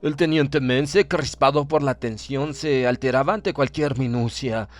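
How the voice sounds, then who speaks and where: An audiobook narrator with a mid-range voice and measured pace gives a dramatic scripted reading of a horror story over music. He voices a stern, proud German submarine officer recounting events.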